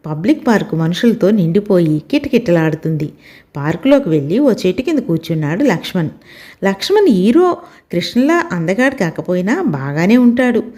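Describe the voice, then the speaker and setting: Lively woman narrating a story. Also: on the low side.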